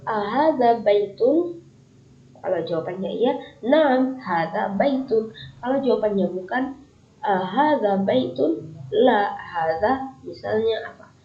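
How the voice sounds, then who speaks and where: A woman teaching from a textbook, reading example sentences slowly and filling her explanations with hesitations. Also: mid-range voice, a little hiss or hum. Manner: many fillers while explaining. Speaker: Arabic teacher. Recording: dull lo-fi recording.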